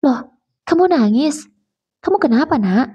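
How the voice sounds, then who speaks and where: A woman's voice: on the high side, brisk, dark tone, breathy edge. A woman voicing a talkative, doting mother who scolds lovingly. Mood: fussing.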